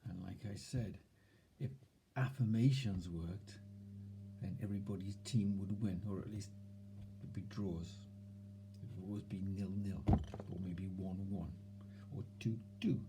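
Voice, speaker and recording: Guy, low voice, chatting self-help tips, goes soft and murmury then perks up. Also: a little slow, background noise. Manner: drifts between soft murmurs and lively emphasis. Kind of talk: casual instructional talk.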